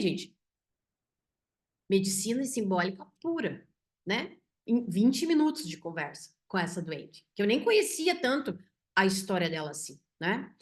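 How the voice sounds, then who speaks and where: A woman physician with a Brazilian Portuguese accent tells a patient case to her audience. She speaks in an animated way and often ends her sentences with "né?". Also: a little high. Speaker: physician teaching symbolic medicine. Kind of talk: storytelling a case to an online audience.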